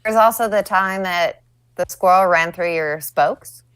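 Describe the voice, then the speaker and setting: A woman's voice: on the low side, unhurried, a bit bright, smooth, dry recording. Chatty young woman telling stories. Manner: chatty, laughs often, storytelling. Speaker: guest. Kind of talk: casual chat. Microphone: video call.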